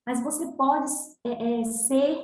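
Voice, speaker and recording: A woman's voice: sits high, takes it slowly, a little mellow, reverberant, slight background noise. A woman psychologist speaking in a reflective, emphatic way in conversation. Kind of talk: casual conversation.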